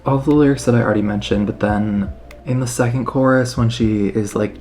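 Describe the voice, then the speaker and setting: A man giving casual, excitable reaction commentary on an album, emphatic and swearing freely. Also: on the low side, a little fast. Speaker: music reaction host. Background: faint music playing.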